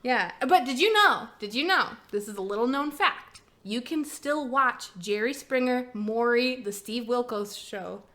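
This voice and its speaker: A young woman from Canada co-hosting a podcast, telling animated stories in casual chat, swearing freely and laughing often. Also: a little high, measured pace, hardly any pauses. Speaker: podcast co-host.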